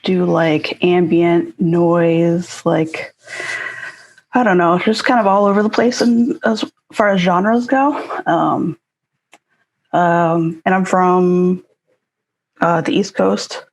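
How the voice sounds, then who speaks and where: A woman from Connecticut, a guest musician chatting casually on a live stream, hesitant with many fillers and soft laughs. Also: on the low side, steady tone, takes it slowly.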